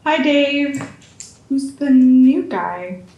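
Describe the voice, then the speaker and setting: A friendly woman performing in a community stage show. She talks slowly in a fairly high voice. The theater around her is roomy and echoing. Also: expressive, mellow. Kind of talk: community stage opera acting.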